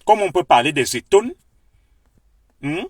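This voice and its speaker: A man's voice: a little high, expressive, unhurried, no room sound, clean studio sound. Heated Cameroonian man with a Beti accent. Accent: Cameroonian French, Beti. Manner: heated, declamatory, lecturing the viewer. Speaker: political commentator. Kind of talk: impassioned online monologue.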